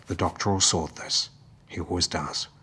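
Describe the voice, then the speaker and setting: A man playing a steady, reassuring army sergeant and loyal friend in a sci-fi audio drama, informal and confident. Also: deep voice, moderate pace, breathy edge, full character voice. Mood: concerned, reassuring.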